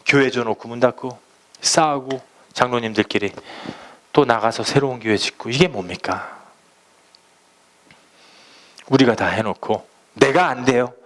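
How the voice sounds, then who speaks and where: A middle-aged male pastor preaching a conversational sermon, acting out prayers and quotes with sudden loud bursts. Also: mid-range voice, measured pace, long pauses.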